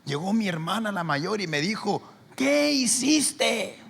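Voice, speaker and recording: A man voicing a distressed middle-aged woman who pleads for help and tells her story in a high, agitated voice. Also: very animated, slow, creaky, a bit bright, slightly rough, full character voice. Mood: pleading.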